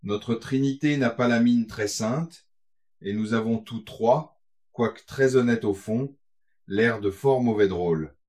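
A man's voice: medium pitch, unhurried, a little mellow. A man reading a classic tale aloud, theatrical and ironic in the dialogue. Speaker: narrator.

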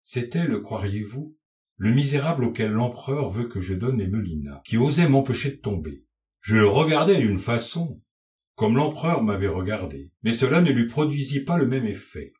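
A man's voice: medium pitch, big pitch swings, normal speed, darkish tone, lightly acted. A man reading aloud and voicing an anxious, blustering bourgeois father recounting his ordeal. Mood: agitated.

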